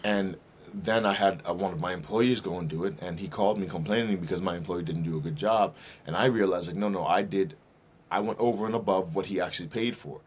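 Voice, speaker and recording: A man, a minister and detailing business owner, speaking as a guest in a casual interview, thoughtful and filling pauses with um and uh. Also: sits low, husky. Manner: thoughtful, many fillers and restarts.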